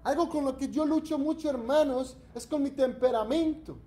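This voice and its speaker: Man, pastor, sermon, emphatic, earnest, high-pitched. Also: normal speed, dark tone. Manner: emphatic and earnest, acts out quoted voices. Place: church.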